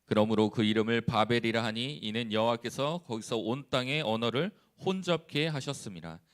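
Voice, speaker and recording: A man who is a church evangelist, leading a responsive scripture reading and then preaching calmly with frequent hesitations. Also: mid-range voice. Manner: calm, unhurried, with frequent hesitations.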